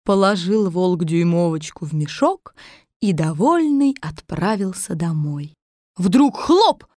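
A woman narrating a fairy tale with expressive storytelling. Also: lowish voice, measured pace, dry recording, studio quality.

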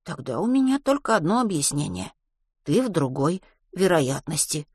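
Shy quiet schoolboy, played by a woman, soft, slow, hesitant mumble. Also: low-pitched, big pitch swings, breathy edge, no room sound, clean studio sound, exaggerated voice. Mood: timid. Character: timid unlucky quiet schoolboy.

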